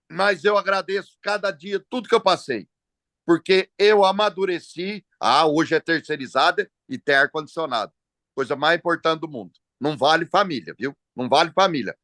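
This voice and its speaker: A man's voice: sits high, dry recording. Hesitant man telling stories, dry sound. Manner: relaxed, storytelling with frequent hesitations. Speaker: entrepreneur interviewee. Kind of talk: casual interview over a call. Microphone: phone or video call.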